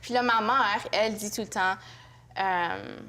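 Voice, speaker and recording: Young woman on a panel show talking casually about her own choices, middle-pitched voice. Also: unhurried, sharp tone. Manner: casual, with repeated words. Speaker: student guest. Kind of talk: panel discussion.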